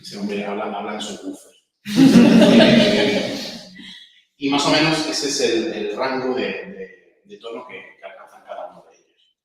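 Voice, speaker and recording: A man's voice: fairly low pitch, moderate pace, a bit bright. A man teaching a communication workshop, explaining and demonstrating voice exercises and checking in with "¿vale?". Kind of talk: lecture with vocal demonstrations. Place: lecture room. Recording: echoey room, voice from far off.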